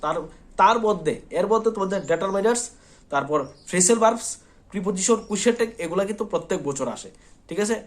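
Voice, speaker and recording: Guy teaching exam prep, talks fast, keeps asking "okay?", kinda high voice. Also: animated. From Tripura, India. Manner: repetitive, reassuring, checks in often with "thik ache". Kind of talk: spoken exam-prep lesson.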